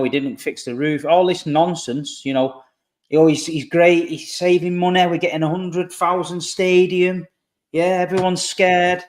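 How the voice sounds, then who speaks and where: A man ranting sarcastically about football in casual, mocking banter full of slang. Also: a little high.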